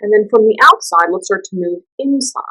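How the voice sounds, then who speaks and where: In a rough recording, a woman with an expressive, mid-range voice leads a guided meditation. Her gentle instructions come in a soothing, conversational, unhurried way.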